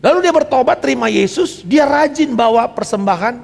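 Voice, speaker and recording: A middle-aged man preaching a sermon as pastor, emphatic, swinging from loud declarations to soft asides and slipping English phrases into his talk. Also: extremely high pitch, lively intonation, a little fast, gravelly, in a large hall.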